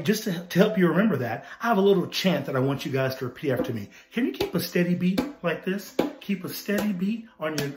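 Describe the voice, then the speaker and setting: A man's voice: on the high side, slight background noise. A man teaching an online music class for children, upbeat and talking to his pupils as if they sat in front of him. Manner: upbeat, talks to pupils as if they are in the room. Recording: roomy echo, faint music behind.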